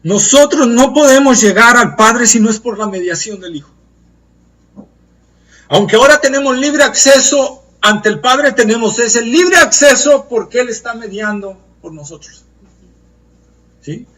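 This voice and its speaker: A man preaching a Bible study sermon, earnest and emphatic, slowing down to stress key phrases. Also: very high-pitched, expressive, a bit bright, distant mic.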